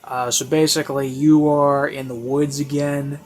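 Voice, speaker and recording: With baroque classical music in the background, a man reviews something on video in a medium-pitched, level, slightly mellow voice at normal speed. He rambles informally and off the cuff, repeating phrases for emphasis.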